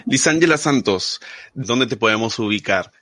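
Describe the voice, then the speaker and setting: A man's voice: mid-range voice, animated, moderate pace, pushed and bright, no room sound. A man hosting a podcast, interviewing in a conversational way. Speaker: podcast host.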